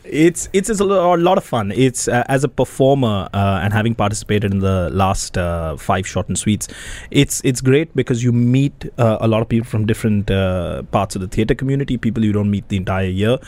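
A man's voice: on the low side, a little fast, darkish tone. A man chatting casually as a guest in an interview, a performer by role.

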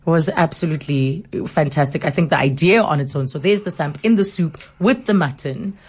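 A woman's voice: low-pitched, brisk, darkish tone, slightly rough. A woman with a South African accent hosting an informal radio interview in an effusive, chatty way. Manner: effusive, chuckles often. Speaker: radio host.

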